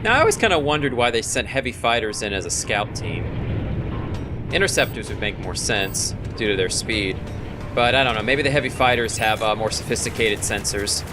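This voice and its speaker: A man's voice: fairly low pitch, lively intonation, brisk. A man giving casual, explanatory gameplay commentary in a matter-of-fact way. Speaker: let's play host. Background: game music and battle effects.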